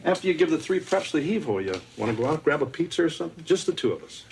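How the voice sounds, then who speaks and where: A man's voice: fairly high pitch, very animated, rapid-fire, creaky. An actor playing a sarcastic, grumbling middle-aged father in a sitcom. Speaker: father of the family. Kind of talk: sitcom acting. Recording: noisy TV sound with studio laughter.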